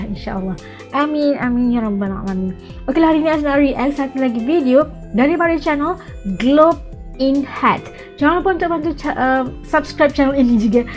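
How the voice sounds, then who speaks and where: A young Malaysian-accented woman hosts a casual reaction video. Her voice sits a little high, with faint music behind it. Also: a little mellow. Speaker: host of a reaction channel. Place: small indoor room with a gaming desk.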